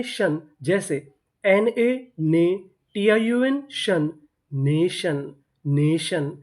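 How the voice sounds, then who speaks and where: A male teacher works through English words one letter group at a time, sounding out each piece and then the whole word. He quizzes the listener and answers himself in an even, patient teaching voice. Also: sits high. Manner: spells words letter by letter, asks and answers own questions. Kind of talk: spelling-out reading lesson.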